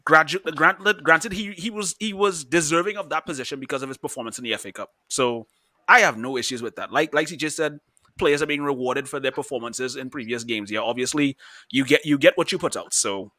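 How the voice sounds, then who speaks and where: A man's voice: fairly high pitch, fairly quick, bright, forceful tone, no room sound, studio quality. A man in his thirties co-hosting a casual football chat, rambling with restarts and laughing easily. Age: 30s. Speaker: podcast co-host.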